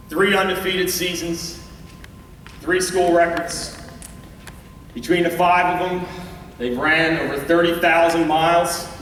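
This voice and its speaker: An American man, a coach, giving a prepared awards speech in an earnest, measured way to an audience. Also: fairly high pitch, a bit bright. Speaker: high school track coach. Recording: echoey hall, far from the mic, faint noise.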